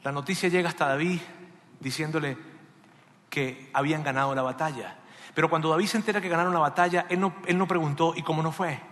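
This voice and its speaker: Pastor, bright forceful voice, dramatic sermon delivery, echoey hall. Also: male voice, on the high side, fast. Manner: passionate, dramatic swings in loudness.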